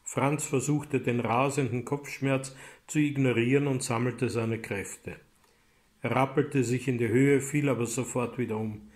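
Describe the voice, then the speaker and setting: A man from Austria, an author reading his own story aloud in a measured, dramatic way. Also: mid-range voice, steady tone. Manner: measured and dramatic, rising in loud passages. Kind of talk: literary reading.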